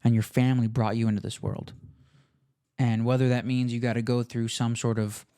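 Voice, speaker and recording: A man's voice: mid-range voice, little pitch movement, a little fast, warm tone, clean tone. A young American man hosting a podcast, telling family stories in an enthusiastic, casual way and often calling the listener "dude". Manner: enthusiastic, says "dude" a lot. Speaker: podcast host. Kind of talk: casual storytelling monologue.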